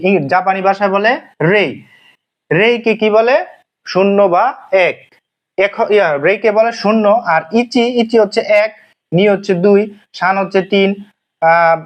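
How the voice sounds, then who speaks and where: A man teaches a language lesson in a fairly high voice. He circles back over each point, asking a question and then answering it himself, with frequent hesitations. The recording sounds muffled and lo-fi. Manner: repetitive, asks and answers own questions, many fillers. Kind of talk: classroom lesson explanation. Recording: dull lo-fi sound.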